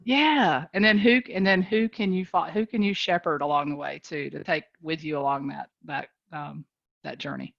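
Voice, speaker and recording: A woman with a North Carolina accent, talking in a folksy, animated way as a guest on a video call. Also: low voice, moderate pace, vocal fry, no echo, muffled recording. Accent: Southern US, North Carolina. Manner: folksy, animated, laughs often. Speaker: guest speaker, business leader. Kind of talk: casual motivational chat on a call.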